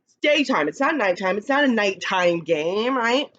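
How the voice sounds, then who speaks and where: A woman who teaches kindergarten, reading picture books aloud slowly and expressively, with chatty asides to the children. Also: highs cut off. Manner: slow, expressive read-aloud with lively pitch, chatty asides.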